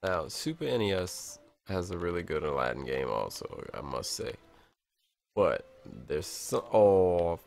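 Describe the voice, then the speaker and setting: A man's voice: very deep voice, sing-song, unhurried, vocal fry, soft background music. A man casually commenting while playing a retro video game, muttering reactions and swearing now and then. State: has the hiccups. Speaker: let's play gamer.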